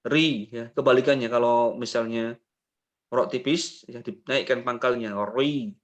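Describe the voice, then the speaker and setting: An Indonesian man teaching Quran recitation online, slowly repeating syllables to model how a sound is pronounced. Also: medium pitch, fairly even intonation, muffled recording. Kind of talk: online tajweed lesson.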